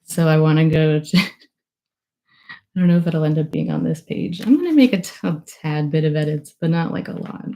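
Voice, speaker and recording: A young woman with a deep, mellow voice speaks fairly quickly on a livestream at her book launch, emotionally gushing casual thank-yous and rambling with many fillers. The recording is rough.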